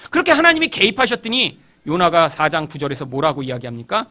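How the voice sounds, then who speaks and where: 높고 밝은 목소리의 남성 설교자. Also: male voice, on the high side, wildly swooping pitch, fast talker, sharp tone. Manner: asks the congregation questions, acts out quoted prayers. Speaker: pastor. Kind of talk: sermon.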